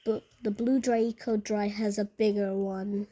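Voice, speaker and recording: A woman giving casual vlog commentary in a halting, repetitive way, often restating her phrases. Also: mid-range voice, little pitch movement, warm tone. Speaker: video narrator.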